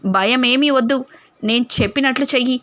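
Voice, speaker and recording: A woman's voice: high-pitched, a little fast, a bit bright, slight background noise. A woman voicing an arrogant young man who scolds his accomplice. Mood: scolding.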